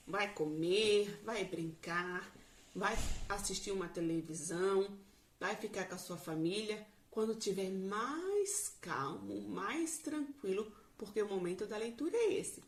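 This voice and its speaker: A Brazilian woman teacher explaining a lesson slowly to young children in a recorded remote class. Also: medium pitch, expressive, a little hiss or hum. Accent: Brazilian Portuguese.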